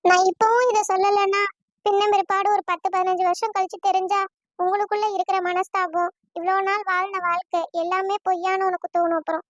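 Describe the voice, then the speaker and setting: A woman voicing a calm, remorseful middle-aged aunt in a cartoon, explaining slowly and with regret. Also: very high voice, highs cut off. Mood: soothing. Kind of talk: cartoon voice acting.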